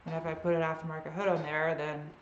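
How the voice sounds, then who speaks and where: A woman's voice: low-pitched, little pitch movement, fast, roomy sound, lo-fi sound, slight background noise. A woman with a trace of a Boston accent hosting a live Q&A, chatting casually and trailing off often as she answers viewer questions. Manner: rambling and unsure, often trailing off.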